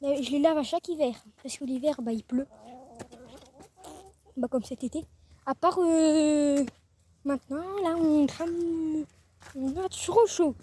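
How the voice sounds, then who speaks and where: A teenage girl talks to her phone in a casual, rambling way, often trailing off and restarting her sentences. Her voice sits high. She records outdoors beside her chicken coop, with faint noise behind her. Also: slow pace, pauses often, warm tone. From northern France. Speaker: vlogger. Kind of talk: casual vlog.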